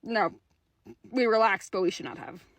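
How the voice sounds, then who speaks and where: A woman's voice: mid-range voice, normal speed, dry recording. A young woman, a travel nurse, telling her story in an exasperated, sarcastic, casual vlog. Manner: exasperated, sarcastic, animated retelling.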